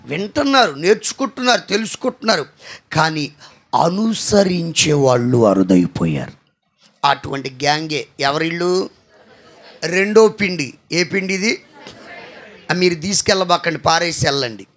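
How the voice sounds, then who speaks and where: A male pastor preaching a sermon, telling stories with lively shouted emphasis and calling on the congregation to answer. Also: fairly high pitch, moderate pace, long pauses. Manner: animated storytelling with shouted emphasis; asks the congregation to respond.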